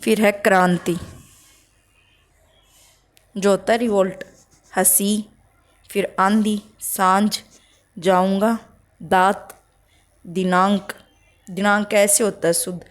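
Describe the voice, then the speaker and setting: A woman teaching spelling for an exam, slowly reading out word lists and checking with short asides. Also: mid-range voice, level tone. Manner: slow, listing words one by one with "ठीक है" checks.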